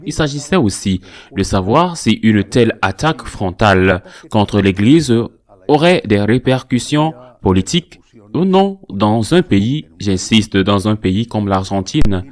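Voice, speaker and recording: Low-voiced priest giving measured commentary. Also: male voice. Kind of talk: scripted news commentary.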